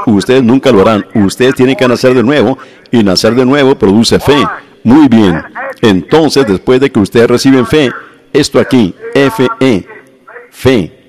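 A man with a medium-pitched, slightly mellow voice preaches a sermon to a congregation. He addresses them directly, repeatedly breaking off to ask whether they see his point.

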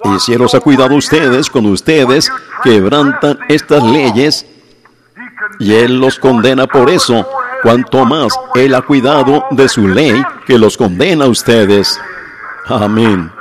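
A man preaching a sermon to a congregation, often asking "¿ven?" and slowing down to stress his points. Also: medium pitch, a crowd in the background. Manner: keeps asking the audience "¿ven?"; slows down for emphasis.

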